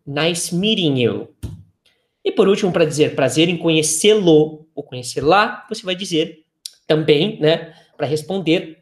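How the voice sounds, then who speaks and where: A Brazilian teacher gives an online English lesson in an unhurried, measured voice of middle pitch. Each English phrase is pronounced carefully and slowly for the listener to repeat, between quiz questions and encouraging asides. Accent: Brazilian Portuguese.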